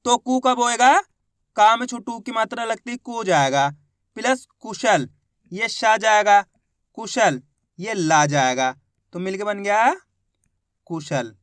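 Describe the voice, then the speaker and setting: A woman teaching how to read and write Hindi words, sounding each one out slowly and repeating it. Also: mid-range voice, no room sound, clean studio sound. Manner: slow, repeats each word twice, asks the viewer questions. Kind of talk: spelling lesson.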